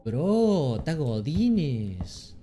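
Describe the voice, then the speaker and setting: A man's voice: on the high side, drawn-out words, soft background music. A young man with an Argentine accent, commentating a horror game as he plays, swearing and yelping at every scare. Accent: Argentine Spanish. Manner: excitable, swears and screams at jump scares. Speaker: gaming streamer.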